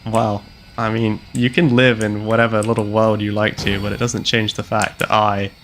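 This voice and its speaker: A man's voice: on the low side, little pitch movement, normal speed, a bit bright, a little hiss or hum. A young man in his twenties from Canada with a British accent, chatting and teasing his teammate while streaming a game. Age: 20s. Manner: playful, teasing, laughs often. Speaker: streamer host. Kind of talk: casual gaming chat.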